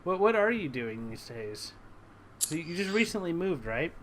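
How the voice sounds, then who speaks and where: A man's voice: fairly high pitch, very animated, normal speed, crowd noise. A young man hosting a casual home-brewing chat, easygoing and self-deprecating, who chuckles often. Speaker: channel host.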